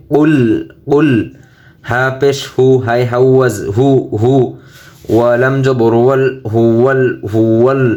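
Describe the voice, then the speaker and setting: A man's voice: mid-range voice, darkish tone. A man with a Bangladeshi Bengali accent teaching Quran reading, spelling out each word letter by letter and repeating every syllable. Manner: breaks words into letters and vowel marks, repeating each syllable. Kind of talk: spelling-out Quran recitation lesson.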